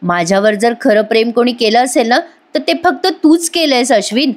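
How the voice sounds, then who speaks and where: A woman's voice: fairly high pitch, moderate pace, lightly acted. Woman voicing a bitter jailed young woman.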